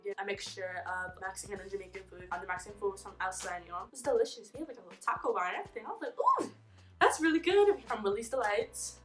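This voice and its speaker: A teenage girl retelling her surprise party in an animated, giggly storytime vlog. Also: mid-range voice, rapid-fire, hardly any pauses. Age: teens. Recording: echoey room with music behind.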